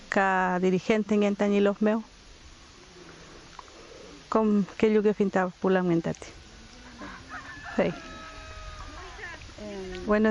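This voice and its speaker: Unhurried older community elder, reflective, faint hiss in the background. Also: medium pitch, a little mellow, lo-fi sound. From southern Chile. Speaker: community leader. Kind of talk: documentary testimony mixing Spanish and Mapudungun.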